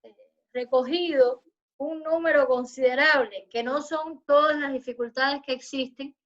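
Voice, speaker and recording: A woman lecturer giving an online university class, explaining in a measured way and addressing her students formally. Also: high-pitched, fairly even intonation, a bit bright, lo-fi sound. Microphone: video call.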